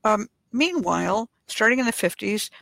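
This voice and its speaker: Woman host, gravelly mid-pitched voice, dry close sound, relaxed explainer. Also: moderate pace, no room sound. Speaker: podcast host. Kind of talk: casual explanatory talk.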